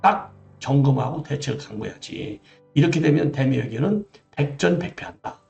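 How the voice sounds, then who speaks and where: A man's voice: fairly high pitch, lively intonation, normal speed, gravelly, a little mellow. A middle-aged man giving solo political commentary. He reads out an official briefing, then breaks off to criticize it with emphatic, exasperated rhetorical asides. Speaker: political commentator, former broadcast journalist. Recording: echoey room, slightly dull sound, faint music bed.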